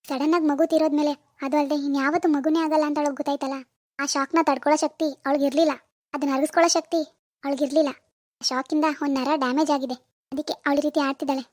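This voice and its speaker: A woman voicing a calm doctor in a cartoon, explaining patiently and reassuring the worried parents. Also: high voice, fast, dry recording, close to an everyday voice. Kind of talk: Kannada cartoon voice acting.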